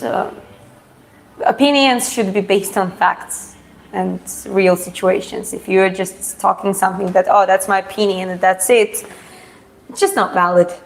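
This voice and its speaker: With vocal fry in her medium-pitched voice and a little hiss or hum on the recording, a Russian-speaking woman from Georgia chats casually on a live stream. She reads viewers' questions aloud haltingly, then responds frankly.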